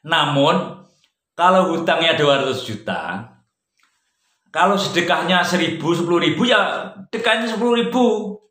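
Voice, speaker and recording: A man giving an informal religious study talk, conversational, jumping from loud emphatic peaks to quiet, low asides. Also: animated, moderate pace. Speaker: religious teacher. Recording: roomy echo.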